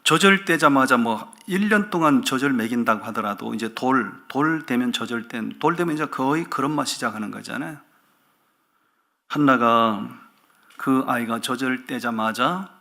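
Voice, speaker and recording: A male pastor preaching a sermon in a lively way, often asking the congregation questions. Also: mid-range voice, normal speed, vocal fry. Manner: animated, asks the congregation rhetorical questions.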